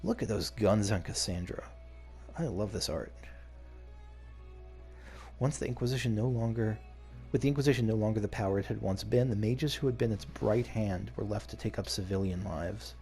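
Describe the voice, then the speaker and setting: Mellow and on the low side, a man's voice moves at a moderate pace as he comments on a video game playthrough. He thinks aloud, gives dramatic readings of the story text, and the game music plays behind him.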